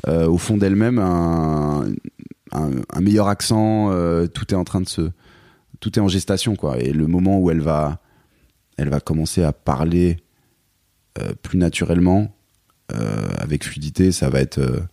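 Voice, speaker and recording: Brief: hesitant man in his thirties, very low dark voice, dry close recording. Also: moderate pace, dry recording. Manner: hesitant, many fillers and restarts. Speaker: guest, songwriter and performer. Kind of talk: casual interview chat.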